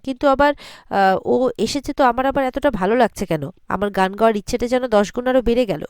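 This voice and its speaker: A woman talks through the latest episode of a serial at a brisk clip, slipping lightly into each character's lines as she goes. Her voice sits slightly high, and the recording is close and dry with no room sound. It comes across as a steady storytelling recap. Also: clean tone, no room sound. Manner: quick storytelling, voicing lines in quotes lightly.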